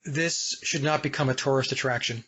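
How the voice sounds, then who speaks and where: A man from the United States hosting a podcast, speaking deliberately, guiding the talk and addressing his listeners directly. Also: mid-range voice, a bit bright, slightly rough. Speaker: podcast host. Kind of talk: casual podcast interview. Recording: dull lo-fi audio.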